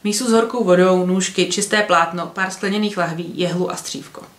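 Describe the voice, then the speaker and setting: A woman reading a fantasy novel aloud, in steady narration with the odd slip. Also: fairly low pitch. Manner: steady narration with occasional slips. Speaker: book vlogger. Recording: roomy echo.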